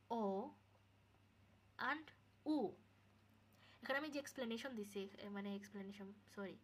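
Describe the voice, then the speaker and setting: A woman with a slightly high voice gives a casual Spanish pronunciation lesson, recorded alone at home. She repeats each sound slowly and asks "okay?" now and then. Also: fairly bright tone. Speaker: Spanish tutor.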